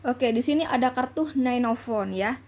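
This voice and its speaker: A woman's voice: a little high, normal speed, a little mellow, slight background noise. Chatty woman reading tarot. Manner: chatty, repetitive, addresses viewers directly. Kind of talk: casual tarot reading monologue.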